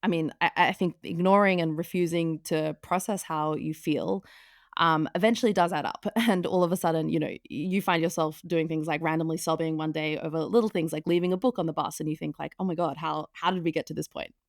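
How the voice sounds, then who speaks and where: A woman hosting a reflective podcast conversation, speaking with a very low voice and plenty of vocal fry. She talks thoughtfully and keeps her delivery conversational. The sound is close and dry. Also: fairly even intonation, fairly quick, no room sound. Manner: thoughtful, with many soft fillers. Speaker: podcast host.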